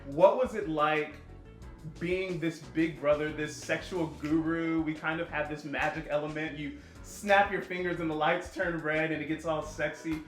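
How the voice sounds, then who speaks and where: Guy hosting a podcast chat, slightly high voice, emphatic explainer, bit of music under him. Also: steady tone, normal speed. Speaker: host and writer of the series. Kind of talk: conversational podcast interview. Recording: roomy echo with music underneath.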